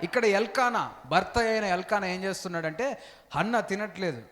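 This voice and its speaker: A man's voice: high-pitched, moderate pace, a bit bright. A male pastor preaching a sermon, repeating his phrases and calling out hallelujah. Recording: long hall reverb.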